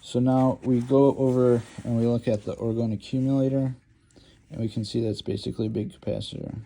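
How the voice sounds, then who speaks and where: A man's voice: medium pitch, level tone, a little fast, vocal fry, warm tone. A man giving a rambling, informal lecture while drawing, hesitant with many ums and restarts. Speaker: lecture host.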